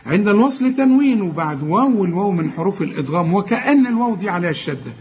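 A man with an Egyptian accent teaching Quran recitation. He draws words out slowly, corrects the learner directly, and explains in quick colloquial asides. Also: high-pitched, lively intonation, darkish tone, muffled recording. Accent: Egyptian Arabic. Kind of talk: tajweed recitation lesson.

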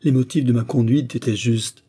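A man's voice: medium pitch, fairly even intonation, normal speed, dark tone, husky, pitched above the performer's own voice, natural voice. A man reading the lines of a despairing young man held in prison, speaking in anguish to his father.

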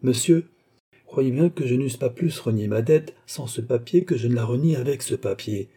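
A man's voice: medium pitch, animated, normal speed, dark tone, slightly rough. A man reading a proud cardinal prince in financial distress, haughty yet anxious and pleading. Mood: anxious pride.

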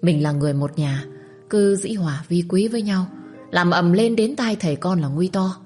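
A woman's voice: lowish voice, normal speed, darkish tone, soft background music, lightly acted. A woman voicing a harsh, domineering older mistress of a wealthy household, speaking in a commanding, threatening way. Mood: placating.

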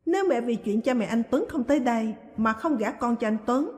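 An earnest, stubborn young woman speaks firmly, read by a woman storyteller. Her voice sits fairly high with lively pitch, under a long hall reverb. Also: fairly quick, close to an everyday voice. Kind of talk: audiobook reading.

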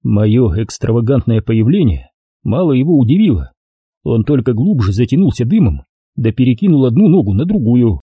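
Male audiobook narrator, first-person crime story, wry and sardonic, husky voice, lively pitch. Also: moderate pace, dry recording, phone-quality sound.

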